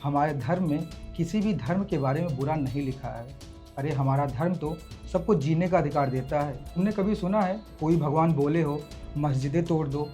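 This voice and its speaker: An actor playing a gentle young husband who speaks softly and reassuringly. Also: male voice, on the high side, natural voice. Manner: soft, reassuring. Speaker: actor in a short drama. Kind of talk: Hindi short-film acting.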